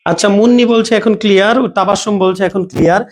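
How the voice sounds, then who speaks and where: A man's voice: high voice, fast. A man teaching a live online grammar class. He keeps asking his students questions, repeats them, and checks often that they understand. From Bangladesh.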